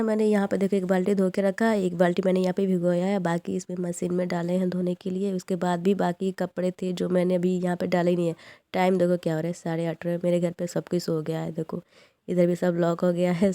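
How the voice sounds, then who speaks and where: A woman's voice: fairly low pitch, mellow. A young woman chatting in a casual home vlog, telling stories with giggly asides while doing chores, a little unwell. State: feeling unwell. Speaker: vlogger. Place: home, moving between rooms and rooftop.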